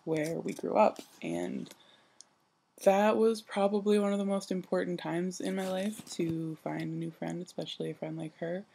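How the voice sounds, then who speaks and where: Young woman vlogging right after waking up, lowish mellow voice, kinda rambly and self-deprecating, husky. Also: steady tone, moderate pace, a little hiss or hum. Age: young adult. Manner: just woke up, low-key and sleepy. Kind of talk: casual personal vlog monologue.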